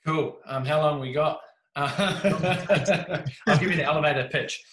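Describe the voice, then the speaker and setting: A bright-voiced man with a New Zealand accent tells stories casually as a podcast guest, speaking unhurriedly at a fairly high pitch. He's animated and jokey and gestures a lot. He's on a video call with a desk mic in a small, echoey indoor room.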